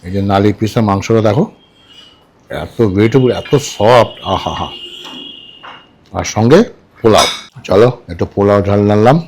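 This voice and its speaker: A man's voice: on the low side, moderate pace, darkish tone, a little hiss or hum. A man chatting casually at a restaurant table as a food vlogger, repeating dish names and checking in with viewers. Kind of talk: casual food vlog chat.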